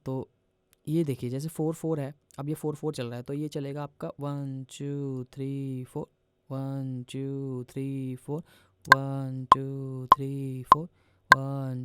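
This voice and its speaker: A man teaching beginners music production software in a casual, explanatory way, often calling the viewers "guys". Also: mid-range voice, smooth, dry recording. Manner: casual explanatory, addresses viewers as guys, mixes English terms into Hindi. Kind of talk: screen-recorded software tutorial. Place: home music studio.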